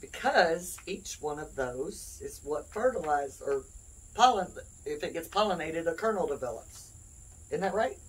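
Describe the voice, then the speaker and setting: Hosting a homestead cooking video in her home kitchen, a woman with a low, husky, animated voice takes her time, joking and laughing as she walks through each step. It's a chatty, playful, casual demonstration, though the audio quality is poor.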